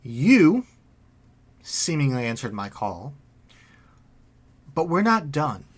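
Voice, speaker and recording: A man voicing an eerie, faceless female spirit that collects souls, speaking in a calm, sing-song, menacing way. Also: fairly high pitch, slow pace, slightly rough, heavily acted.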